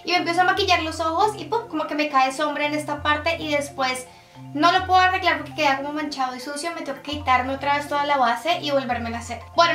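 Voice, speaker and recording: A woman's voice: sits high, a bit bright. A young woman hosting a casual makeup tutorial, chatty and explaining step by step with lots of diminutives. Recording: echoey room, a bit distant, faint music.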